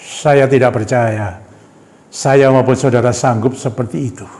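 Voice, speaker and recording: A man's voice: mid-range voice, fairly even intonation, unhurried, darkish tone. A man preaching a sermon in a church hall. He reads scripture aloud, then comments on it emphatically, calling on the congregation as "brothers and sisters" and asking them rhetorical questions. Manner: addresses the congregation as "Saudara" and asks rhetorical questions.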